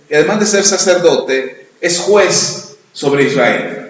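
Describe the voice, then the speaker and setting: A pastor preaching a sermon, retelling a story and acting out both sides of the dialogue. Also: male voice, high voice. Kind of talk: sermon with retold anecdote. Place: church. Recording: echoey church hall, dull lo-fi sound.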